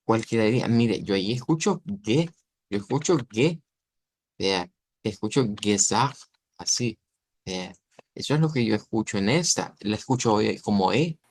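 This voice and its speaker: A man's voice: fairly low pitch, animated, normal speed, no room sound. A man, teaching an online language class. He explains patiently and keeps checking that his students follow. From Latin America. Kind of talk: online lesson explaining pronunciation.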